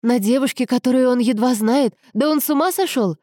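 A woman's voice: mid-range voice, brisk, no room sound, clean studio sound, pitched above the performer's own voice, lightly acted. A woman reading an audiobook, voicing a caring young daughter. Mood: alarmed. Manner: warm, caring. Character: tender young daughter, lively.

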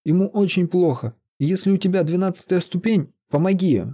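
A man's voice: on the high side, animated, moderate pace, mellow, breathy edge, voice pushed up. A man doing an earnest pleading young sorcerer. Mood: urgent. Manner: urgent, pleading.

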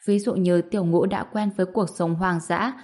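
Low-voiced woman narrating a story. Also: fairly even intonation, moderate pace, darkish tone.

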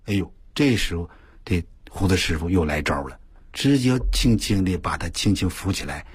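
An older man on the radio telling a story in a folksy, animated way, full of exclamations and drawn-out emphasis. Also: low voice, husky, dry recording. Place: radio studio.

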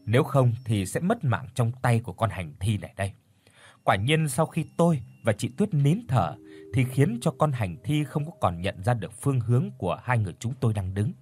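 A man's voice: mid-range voice, sing-song, fairly quick, darkish tone. A man narrating a horror story in a dramatic storytelling manner.

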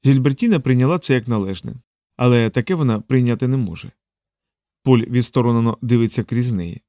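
A man narrating a science fiction audiobook in a steady, even storytelling manner. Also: mid-range voice, a little fast, no room sound, studio quality. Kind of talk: scripted narration.

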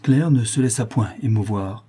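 A man narrating a novel aloud in a measured, even reading style. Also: fairly low pitch, breathy edge. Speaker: audiobook reader. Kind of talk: literary narration.

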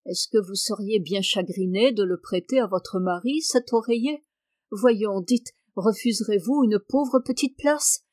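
A woman's voice: mid-range voice, a little slow, darkish tone, no room sound, clean studio sound, close to an everyday voice. A woman reading a coaxing young husband. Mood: tender. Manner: coaxing and affectionate. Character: tender, eager young husband, an army captain.

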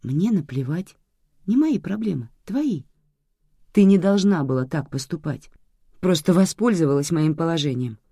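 A reader plays a resentful young woman setting hard limits with her mother. Her tone is firm and reproachful, with a lively, swinging pitch. The recording is dry and close. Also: normal speed, slightly rough, no echo, full character voice.

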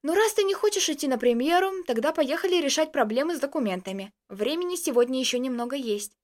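A woman's voice: sits high, lively intonation, quick pace. A woman voicing a cheeky young man, the hero's friend, who talks in a mocking, teasing way. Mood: scheming.

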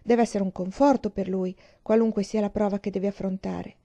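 A woman reading an audiobook voices a courteous young gentleman in her own measured, polite manner. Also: medium pitch, steady tone, lightly acted. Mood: calm.

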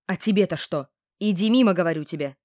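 A woman doing a shrill, wailing old market crone. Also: sing-song, normal speed, no room sound, studio quality. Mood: snappish. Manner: loud, wailing and indignant. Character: shrill, scheming old female market herb seller.

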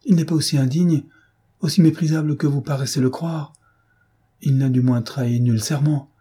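A heartbroken young woman, distraught and pleading, her anguished words tumbling out in a mellow, husky tone, as a man reads her lines. An audiobook heroine undone by grief. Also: medium pitch, fairly even intonation, normal speed, close to an everyday voice. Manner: anguished, impassioned outbursts.

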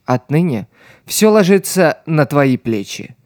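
Man playing wounded street girl, tough, resigned, weak strained voice, slow audiobook reading. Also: on the high side, sing-song, darkish tone, no echo, clean studio sound.

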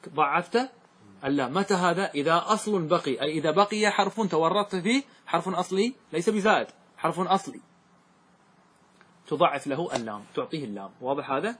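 A man's voice: high-pitched, a bit bright, husky. A man teaching a grammar lesson in a classroom, quizzing his students and having them answer back. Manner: questioning, drills students in call and answer.

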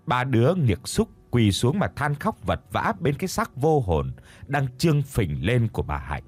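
Expressive male horror story narrator. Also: mid-range voice, normal speed, breathy edge. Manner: dramatic, expressive.

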